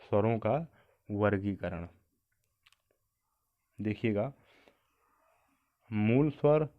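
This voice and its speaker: A man's voice: fairly low pitch, animated, extremely slow. A man teaching an exam-prep grammar lesson. He asks questions and answers them himself, repeating the key points. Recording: tinny lo-fi phone-like sound.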